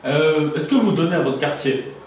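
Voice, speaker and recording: A man's voice: fairly high pitch, expressive, normal speed, darkish tone, soft background music. Casting: man as formal mock-documentary interviewer, courteous questions, recorded off-mic in a very reverberant room. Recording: very echoey, distant mic, faint noise.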